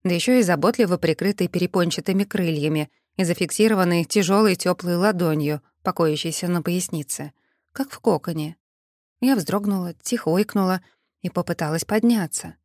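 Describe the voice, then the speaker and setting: A woman narrating a first-person fantasy audiobook in a measured, expressive manner. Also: lowish voice, no room sound, clean studio sound.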